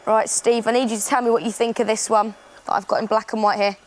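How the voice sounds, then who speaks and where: Her voice is fairly high with little pitch movement, and she talks fast as she presents a craft show for children. She keeps things bright and encouraging, explaining the process step by step in an upbeat instructional style.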